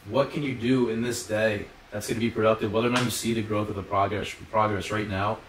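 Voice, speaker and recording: Young male podcast host, low voice, quick loose chatter full of fillers, roomy off-mic sound. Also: fairly even intonation, distant mic, a little hiss or hum. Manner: rambling, filler-heavy, lots of "like" and swearing. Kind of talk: casual podcast chat.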